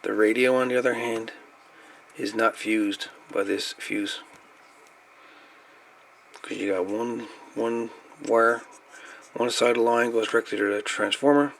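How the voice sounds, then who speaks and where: A man with a gravelly, fairly bright voice on the low side explains a hands-on radio repair off the cuff at an indoor workbench. As a hobbyist presenter, he keeps it casual and matter-of-fact, and the amateur camera recording is noisy.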